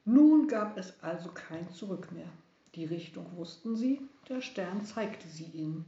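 A woman reading a children's story aloud in a lively, expressive way. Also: fairly low pitch, a little slow. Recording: roomy, dull recording.

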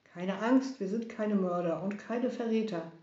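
A woman playing a young male traveler, curious, excitable, exclaiming, roomy dull recording. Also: medium pitch, a little slow, lightly acted. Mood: soothing.

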